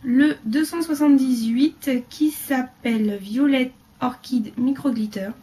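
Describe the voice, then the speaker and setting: A woman chatting casually through a beauty haul video, rambling with fillers and dropping into quiet asides. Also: high voice, unhurried. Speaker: beauty vlogger.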